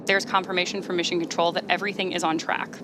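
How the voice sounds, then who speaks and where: A woman with a fairly low voice hosts a live launch webcast. She explains things in a measured commentary style, with faint noise behind her. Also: flat delivery.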